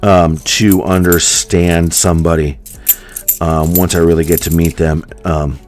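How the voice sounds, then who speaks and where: A deep-voiced American man with a General American accent streams about coin hunting, chatting at length with his live audience. He speaks at a measured pace with little pitch movement and a slightly mellow tone, rambling with plenty of ums and likes. Faint music plays in the background.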